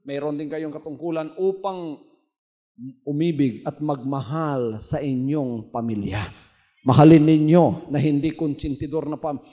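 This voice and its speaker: A man preaching a sermon as a pastor, reading scripture and pressing his points with sudden bursts of loudness. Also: on the high side, steady tone, unhurried, in a large hall, highs cut off. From Philippines.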